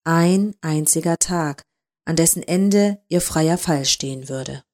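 A woman reading a dark short story aloud in a calm, measured narration. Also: deep voice. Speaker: story reader.

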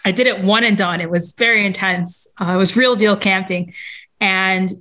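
Woman, podcast guest, casual chat, meandering storyteller, mid-pitched voice. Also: steady tone, normal speed, pushed and bright.

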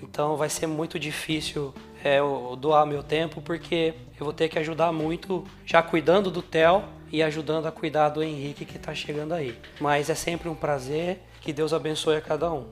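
A man's voice: on the high side, level tone, moderate pace, few pauses, faint music behind. Man with a voice changer, Brazilian accent. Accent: Brazilian Portuguese. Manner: earnest, emphatic repetition. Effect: voice changer, altered voice. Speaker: podcast co-host.

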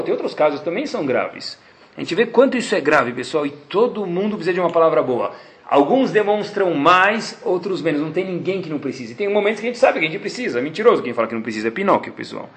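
A Brazilian rabbi with a fairly high voice for a man teaches a Torah class, talking fast with a Brazilian Portuguese accent. His storytelling is animated, his voice leaping up and dropping low as he acts out the quoted dialogue, and the room echoes around him.

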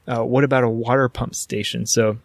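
A man hosting a podcast alone, talking with excitement and rambling a little, with many fillers. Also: mid-range voice, brisk, gravelly, no room sound. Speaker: podcast host. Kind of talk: casual solo podcast talk.

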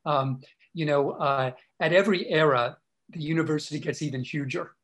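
Male academic guest, fairly high voice, rambling, filler-heavy answers. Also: normal speed, a bit bright, poor audio. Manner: discursive, many fillers and restarts. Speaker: author and historian guest. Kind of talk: interview answers.

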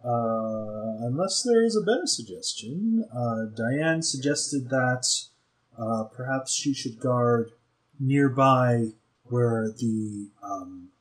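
A man running a tabletop game as game master over a video call, hesitant with many ums and restarts. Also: mid-range voice.

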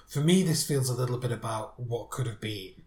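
Here a podcast co-host reviews songs in easygoing, thoughtful chat, restarting himself often. He has a mid-range, slightly mellow voice at a normal pace, captured with roomy echo.

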